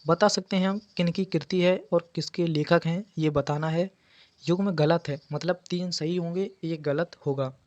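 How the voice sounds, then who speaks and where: A man's voice: fairly high pitch, fairly even intonation, normal speed. A man teaching an exam preparation lesson, going through quiz answers and patiently repeating key words. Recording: dull lo-fi audio.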